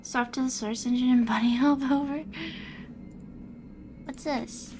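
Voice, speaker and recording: A young woman streaming a game, chatting casually, reacting aloud and thanking her viewers, her voice going hoarse. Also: sits high, fairly even intonation, measured pace, background noise. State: losing her voice.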